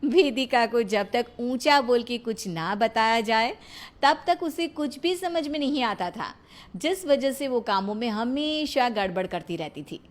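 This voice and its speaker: A woman's voice: a little high, animated, a little slow. A woman narrating a cartoon story in a plain storytelling manner.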